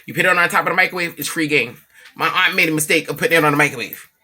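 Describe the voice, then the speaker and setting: A woman vlogging casually about family, telling an animated, profane story and acting out what others said. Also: deep voice, very fast. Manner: emphatic, repeats herself for effect.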